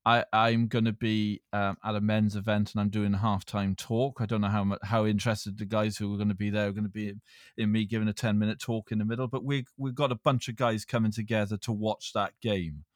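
A man with a Welsh accent hosting a casual podcast chat in a hesitant, halting way. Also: fairly low pitch, little pitch movement, no echo, clean studio sound. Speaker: podcast host.

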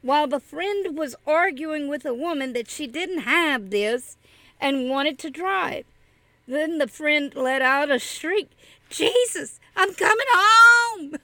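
A woman's voice: high voice, slow, fairly bright tone, no room sound. A woman giving a church message, telling a story and often chuckling as she goes. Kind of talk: storytelling sermon.

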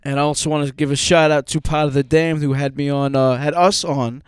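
A man's voice: fairly high pitch, steady tone, fairly quick, clear, resonant tone, dry recording, clean studio sound. A man hosting a podcast in a casual, informal chat style. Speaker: podcast host.

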